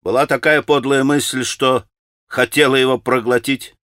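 A man's voice: mid-range voice, steady tone, moderate pace, a bit bright, no echo, clean studio sound, lightly acted. A man voicing Grushenka, a passionate young woman. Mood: vehement. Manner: agitated, emotional.

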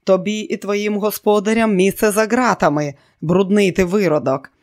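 An audiobook reader voicing a determined man who shouts urgently at an attacker, in the reader's own voice. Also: mid-range voice, moderate pace, pitched above the performer's own voice, close to an everyday voice. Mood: angry. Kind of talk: audiobook character reading.

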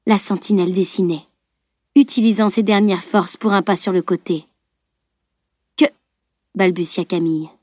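A woman narrating a fantasy novel aloud in steady, measured storytelling. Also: lowish voice, no echo, studio quality. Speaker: audiobook narrator. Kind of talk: scripted audiobook narration.

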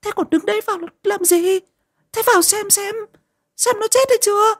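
A man voicing a bossy elderly mistress of a household, firing off shrill, demanding questions. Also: expressive, unhurried, full character voice. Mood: frantic.

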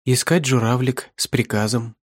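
A man's voice: medium pitch, darkish tone, no echo, studio quality, voice pushed up, natural voice. A man voicing a frightened young woman who stammers through tears in an audiobook. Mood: tearful. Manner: halting, tearful, stammering. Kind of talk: audiobook reading.

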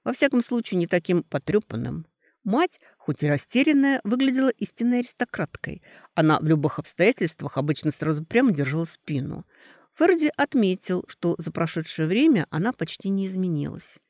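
A man narrating a novel as an expressive audiobook reading. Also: sits high, a little fast, dry recording, clean studio sound.

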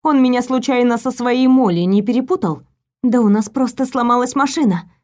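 A woman narrating a first-person audiobook with lively storytelling, voicing the heroine herself. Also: a little high, brisk.

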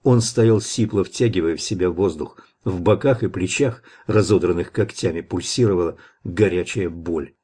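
Low husky male audiobook narrator. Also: moderate pace, few pauses, mellow. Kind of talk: scripted narration.

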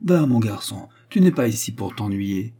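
A man voicing a fond old mother who chides her son gently. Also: lowish voice, sing-song, moderate pace. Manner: gently reproachful, doting.

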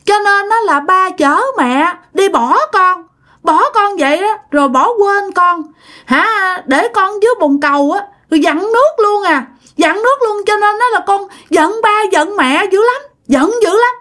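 A sulky little ghost child whines and pleads in a piping, very high voice, as a woman storyteller puts it on. The talk is clingy and reproachful, full of childish wheedling. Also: animated, unhurried, fairly bright tone, heavily acted.

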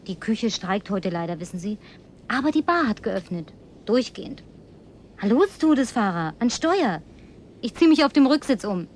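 A woman's voice: mid-range voice, big pitch swings, moderate pace, darkish tone, slight background noise, lightly acted. An actress playing a self-assured, flirtatious woman who likes a drink, in natural German radio play dialogue with a breezy, teasing, commanding manner.

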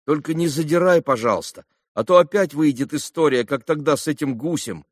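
A man's voice: fairly high pitch, fairly quick, dry recording, clean studio sound, pitched above the performer's own voice, close to an everyday voice. A man voicing a cocky, clever schoolboy who teases and questions people sternly, in a storybook reading.

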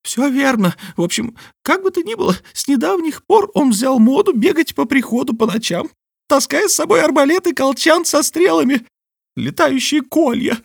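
A tiny jittery male bat from a storybook, squeaking high above the narrator's own voice and darting wildly up and down. The voice has a gravelly edge and is breathless and excitable. It sounds dry and close, with no room around it. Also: normal speed, dry recording, heavily acted. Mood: gossiping. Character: small frantic male bat, jittery and chattering. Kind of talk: audiobook character voice.

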